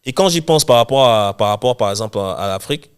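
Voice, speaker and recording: A young man from Cameroon, a guest chatting casually in an interview, talking in quick run-on restarts. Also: mid-range voice, lively intonation, clean tone. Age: young adult. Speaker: guest, real estate investor and coach.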